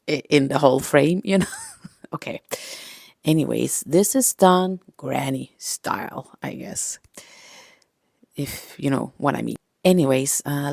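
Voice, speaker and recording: A woman's voice: low-pitched, creaky, a little mellow, dry recording. A woman chatting casually in a book vlog, self-deprecating and apologetic, filmed on a phone held at arm's length at home without an external mic. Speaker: book vlogger. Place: home, indoors.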